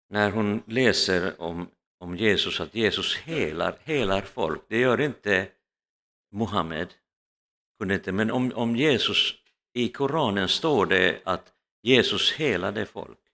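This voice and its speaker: A man's voice: fairly low pitch, lively intonation, gravelly, pushed and bright. A man preaching a sermon, telling a story emphatically with frequent restarts. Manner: emphatic, with many restarts and fillers.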